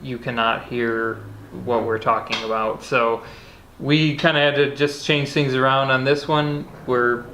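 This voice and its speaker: A man's voice: medium pitch, measured pace. A man co-hosting a vlog, explaining plans for the channel in a loose, rambling way. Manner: rambling, relaxed, with restarts. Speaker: vlog co-host. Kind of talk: casual outro chat. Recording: echoey room, faint noise.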